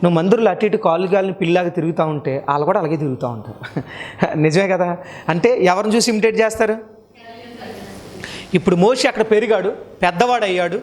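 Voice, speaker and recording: A male pastor preaching a sermon into a handheld mic, asking the crowd rhetorical questions and repeating them for emphasis. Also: sits high.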